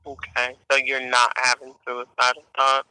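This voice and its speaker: Very bright-voiced male crisis line call-taker. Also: medium pitch, completely flat delivery, moderate pace, clear, resonant tone, dry recording, low-quality recording. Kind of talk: question-and-answer phone support.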